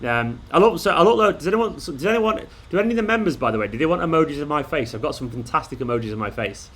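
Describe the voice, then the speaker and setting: A man hosting a late-night live stream, chatting excitably and bantering with viewers while reading their comments out, sounding tired. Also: a little high, quick pace.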